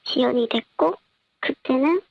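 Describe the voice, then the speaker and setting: A small online seller interviewed over a line, voice disguised with a pitch-shifting effect, answering quietly and plainly. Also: unhurried, gravelly, no echo. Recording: dull lo-fi line.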